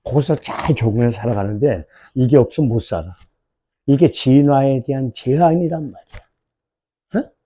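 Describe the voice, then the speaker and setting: A man with a Korean accent teaching English for an exam prep lecture, asking questions and drawing out English words slowly. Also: medium pitch, dark tone, husky.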